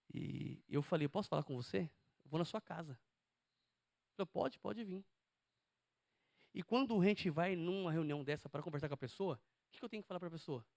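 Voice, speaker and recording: A man delivers a sermon in a high-pitched voice, speaking emphatically and repeatedly turning questions on his listeners. The sound is close and dry, with no room around it. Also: dry recording. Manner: emphatic, asks the congregation questions. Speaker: preacher.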